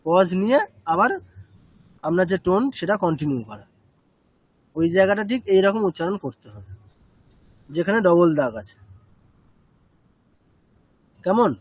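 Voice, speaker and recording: A man's voice: high voice, animated, a little slow, long pauses, breathy edge, no room sound. A man teaching a chanting class, explaining step by step and checking with short questions.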